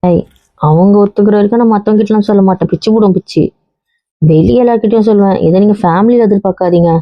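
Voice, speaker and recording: A woman's voice: mid-range voice, quick pace, no room sound. A woman, coaxing and teasing as a wife in a scripted family drama. Her voice sits in an ordinary middle register. The sound is dry and a little dull.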